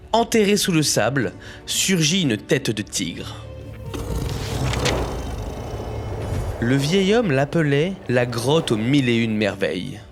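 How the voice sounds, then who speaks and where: A man playing young Aladdin, telling his own adventure in expressive, suspenseful storybook narration. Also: mid-range voice. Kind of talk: dramatic scripted first-person storybook narration. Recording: music bed behind narration.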